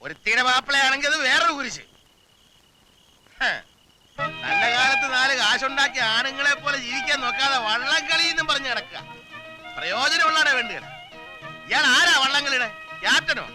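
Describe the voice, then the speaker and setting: A scornful older patriarch. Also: male voice, very high-pitched, lively intonation, moderate pace, long pauses, loud music behind the voice, low-quality recording. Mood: grumbling. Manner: gruff, scornful and sarcastic. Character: stern, scolding older father of a big family. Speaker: family patriarch. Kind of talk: film comedy acting.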